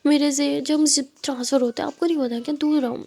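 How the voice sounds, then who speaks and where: A pouty, sulky sick young woman, played by a woman narrator, whining playfully. Her voice sits high yet mellow. She speaks as a figure in a spoken story. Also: fairly even intonation, fast talker, creaky. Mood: pouty, teasing.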